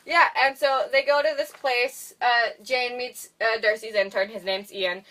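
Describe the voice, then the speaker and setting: Woman, a touch high-pitched, bright-toned, giggly movie-chat host. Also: fairly even intonation, a little slow, far from the mic. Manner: chatty and giggly, lots of fillers. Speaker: movie reviewer. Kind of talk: casual chat.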